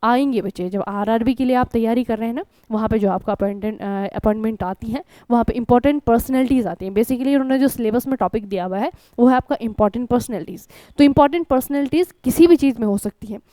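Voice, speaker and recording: A woman's voice: fairly high pitch, quick pace, few pauses, mellow, no echo. Conversational Indian woman teaching exam prep. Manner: conversational, keeps asking "ठीक है?" and addressing students as children. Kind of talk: online current-affairs lesson.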